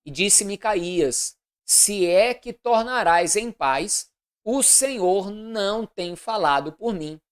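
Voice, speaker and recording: A woman, reading scripture aloud in a measured, deliberate way and adding commentary. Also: medium pitch, lively intonation, smooth. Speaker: Bible reader.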